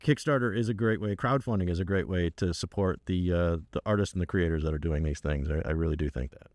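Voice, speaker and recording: Radio host, man, low voice, dry studio sound, loose rambling talk. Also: quick pace, darkish tone, no room sound. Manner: chatty, laughs often, many fillers and restarts. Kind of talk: casual radio interview chat.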